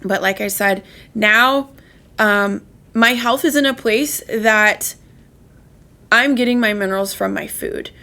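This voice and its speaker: Chatty woman with vocal fry. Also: mid-range voice, takes it slowly, pushed and bright. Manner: chatty, earnest, frequent "right?" asides. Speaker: holistic chiropractor and pet health coach, show host. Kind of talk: casual advice talk.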